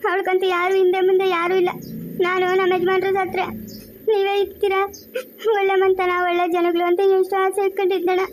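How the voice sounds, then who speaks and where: A woman's voice: very high-pitched, completely flat delivery, brisk, slight background noise. A woman playing a worried village mother of a deaf daughter, tearful and pleading, with a Chikkaballapur Kannada accent. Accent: Kannada of the Chikkaballapur region. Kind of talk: amateur family drama acting.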